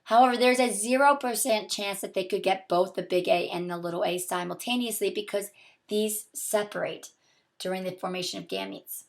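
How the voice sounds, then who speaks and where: A woman's voice: mid-range voice, moderate pace. A young adult woman with a sore, throaty voice, patiently explaining step by step in a recorded video lesson. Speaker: biology teacher. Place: small home room with a window, indoors.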